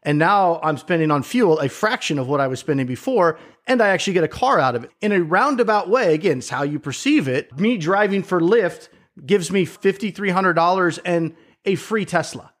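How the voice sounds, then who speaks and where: A man's voice: high voice, animated, fairly quick. A middle-aged man in a casual chat who tells stories with energy, acts out other people's reactions and swears casually.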